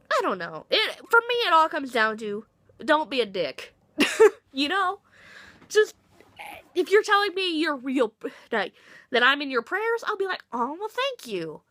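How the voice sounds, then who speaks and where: A sniffly woman vlogger with a cold rambles through a casual, sarcastic rant, swearing freely. Her voice is high with a fairly bright tone, recorded at studio quality with no room sound.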